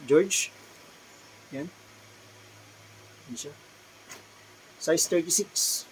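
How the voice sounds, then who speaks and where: Slow, polite Filipino man showing clothes. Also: fairly high pitch, slight background noise, low-quality recording. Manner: slow, polite, repeats item names and sizes. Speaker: thrift clothing seller. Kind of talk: casual product showcase vlog. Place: his small shop.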